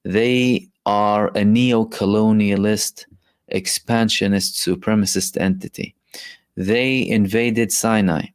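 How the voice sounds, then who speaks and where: A man's voice: lowish voice, fairly even intonation, slow, clean tone, no echo, clean studio sound. A man hosting a live stream, commenting emphatically and reading viewer messages with frequent fillers.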